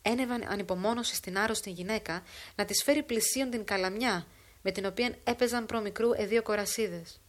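A woman narrating an old literary tale in a measured, solemn audiobook reading. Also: mid-range voice.

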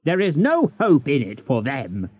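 Brief: wheezy old miser for an audiobook, slow and swooping, dull lo-fi audio. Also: male voice, mid-range voice, huge pitch swings, breathy edge, exaggerated voice. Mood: scornful. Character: miserly bitter old man, cold and scornful.

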